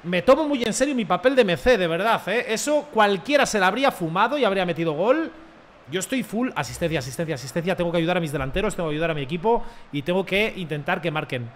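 A young man commenting excitedly on his own football video game match, joking and shouting at big plays. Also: sits high, quick pace, a little hiss or hum. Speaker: gaming streamer.

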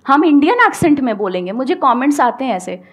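Speaking fast in a slightly high, slightly rough voice, an animated Indian woman delivers a motivational talk as a guest English-speaking coach. Wearing a headset mic before a live audience in an indoor studio, she's emphatic, gestures constantly and moves between Hindi and English.

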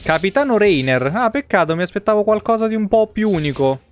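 A game streamer in his thirties talks a little fast in a high voice with big pitch swings. Broadcasting from his small home setup over game music, he comments casually and crudely, with plenty of slang and free swearing.

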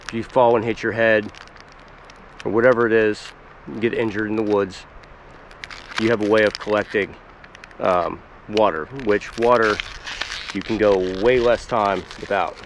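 A Pennsylvania man in his forties, host of a foraging channel, kneels in the woods on a spring day and talks casually about his gear, pausing often and using fillers. He speaks on the low side at a moderate pace, with a noisy background.

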